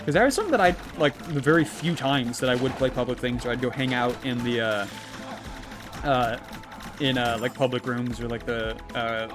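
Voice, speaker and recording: A man's voice: mid-range voice, moderate pace, over music. A man livestreaming while he plays, chatting casually with many fillers, restarts and chuckles, over a gaming stream.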